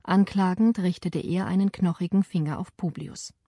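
Solemn woman audiobook narrator, husky. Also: fairly low pitch, fairly even intonation, normal speed, warm tone, dry recording, studio quality. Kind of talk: scripted narration.

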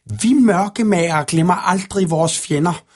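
A man voicing three menacing dark sorcerers who hiss their threats in a storybook reading. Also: sits high, husky, pitched above the performer's own voice. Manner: hissing, menacing.

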